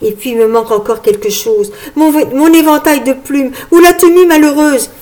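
A woman voicing a vain, grandiose enchanted frog fairy in a storybook reading, with a shrill, preening, imperious manner. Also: flat delivery, brisk, darkish tone, lightly acted. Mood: vain excited.

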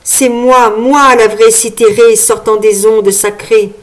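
In a storybook reading, a woman voices a vain, grandiose enchanted frog fairy, shrill, preening and imperious. She speaks slowly in a steady tone, sounding vain and excited.

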